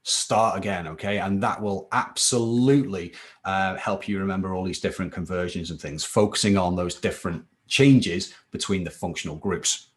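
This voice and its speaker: A man's voice: sits low, moderate pace, a little hiss or hum. A man teaching chemistry in a live online class, chatty and informal, checking in with "okay?" after each point. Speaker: chemistry tutor. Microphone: computer mic for a live stream.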